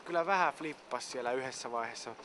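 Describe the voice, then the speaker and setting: A man's voice: medium pitch, noisy background. A man in a comic mock interview, complaining in a weary, whiny way about being worn out.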